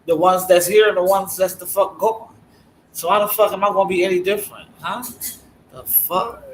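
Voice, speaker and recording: A woman's voice: on the low side, steady tone, moderate pace, slight background noise. A woman co-hosting a casual podcast chat, blunt, profane and emphatic, sometimes raising her voice. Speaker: guest co-host. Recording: roomy echo.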